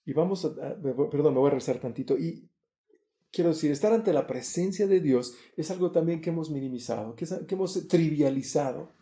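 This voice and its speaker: A man preaching a sermon, earnest and emphatic, his voice rising louder and higher on key points. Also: brisk, echoey room.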